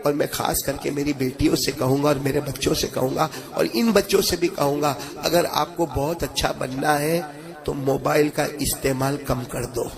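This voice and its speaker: A man's voice: fairly high pitch, normal speed, vocal fry, crowd noise. A man preaching a religious sermon to a gathering, impassioned and rising into a chanted sing-song, his voice a bit strained. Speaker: Islamic preacher. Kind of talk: Urdu-Hindi religious sermon.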